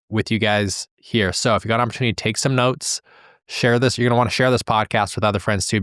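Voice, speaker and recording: A man in his thirties hosting a solo podcast, coaching sales reps in an energetic, emphatic way and repeating his key phrases. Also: lowish voice, no room sound, clean studio sound. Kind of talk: solo motivational podcast talk.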